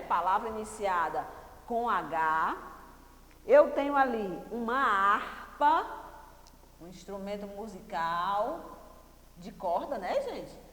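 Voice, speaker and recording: Slow, patient Brazilian teacher in an echoey room. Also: female voice, a little high, fairly bright tone. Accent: Brazilian Portuguese. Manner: patient, repeats key words and quizzes pupils. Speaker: primary school teacher. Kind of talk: recorded class lesson for children. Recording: echoey room with long reverb.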